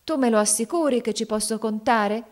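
A woman reading aloud, voicing an eager little girl who pleads and fusses about her mother in a high, excitable voice. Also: brisk, close to an everyday voice. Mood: pleading. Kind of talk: audiobook reading.

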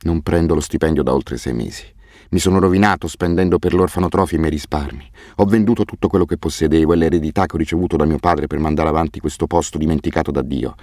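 A man voicing a weary, guilt-ridden orphanage director who speaks haltingly and turns bitterly defensive. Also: a bass voice, a little mellow, no echo, studio quality.

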